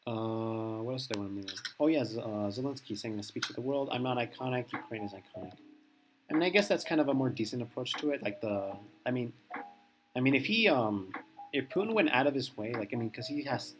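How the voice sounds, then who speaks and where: A man's voice: fairly low pitch, a little fast, over music. A man live-streaming a casual, rambling reaction chat, full of fillers and strong opinions.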